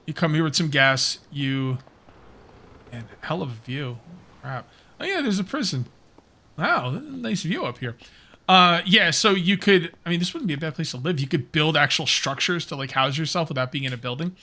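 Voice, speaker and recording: In a fairly high voice with lively intonation at normal speed, pushed and bright, a gaming YouTuber chats and rambles to viewers while playing a let's-play.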